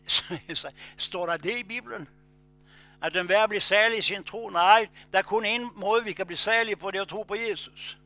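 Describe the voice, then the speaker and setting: A male preacher with a high, bright voice tells stories in his sermon, alternating loud bursts with quiet asides over faint music.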